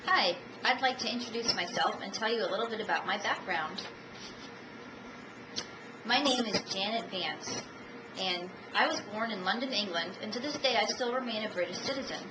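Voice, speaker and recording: A woman in her thirties from the United States giving a self-introduction speech for a class, measured and dotted with ums and uhs, recorded on a camcorder. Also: medium pitch, lively intonation. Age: 30s. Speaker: student. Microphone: camcorder at a distance. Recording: echoey room, distant camcorder, audible noise.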